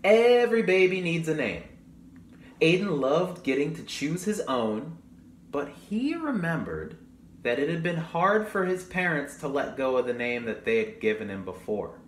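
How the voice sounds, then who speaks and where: Reading a children's picture book with lots of expression, this young adult man keeps stopping for chatty asides to the kids listening. His voice is fairly high and very animated, though his pace stays measured, in a roomy, echoey recording with noticeable background noise.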